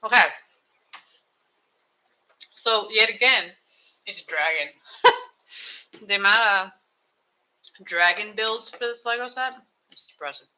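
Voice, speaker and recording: A live streamer building toy sets at a home desk, rambling casually and thinking out loud with self-mocking asides. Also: mid-range voice, takes it slowly, long pauses, rough recording. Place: home desk with two computers.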